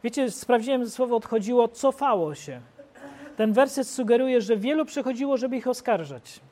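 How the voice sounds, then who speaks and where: A male preacher giving a sermon, telling the story with lively swings between loud bursts and quiet asides. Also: extremely high pitch, normal speed.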